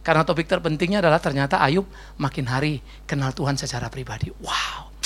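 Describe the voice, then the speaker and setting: A man's voice: on the high side, fast talker, a bit bright. A man pastor giving a casual, joking sermon and answering questions, slangy and sprinkled with English words. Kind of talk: conversational sermon with Q&A.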